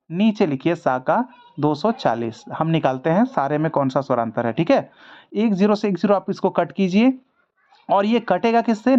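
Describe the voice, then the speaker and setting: A man's voice: sits high, darkish tone. A man teaching music theory in a casual video lesson, chatty and repetitive, talking to viewers like friends. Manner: chatty, addresses viewers as brother, repeats ठीक है. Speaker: online music exam tutor. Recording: dull lo-fi audio.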